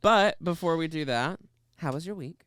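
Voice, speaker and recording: A man hosting a podcast, chatting casually with quick dry asides. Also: a little high, animated, fairly bright tone, dry recording. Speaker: podcast host, hairstylist. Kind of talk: casual chat.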